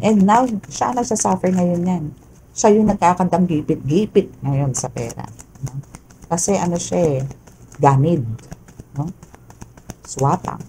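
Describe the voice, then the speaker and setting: A low-pitched woman gives a chatty tarot reading, often tagging her sentences with quick questions to the listener. Her voice is dark and mellow, with faint background noise in the recording. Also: poor audio. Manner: chatty, peppers talk with "no?" and "okay?". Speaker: tarot reader. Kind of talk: casual tarot reading monologue.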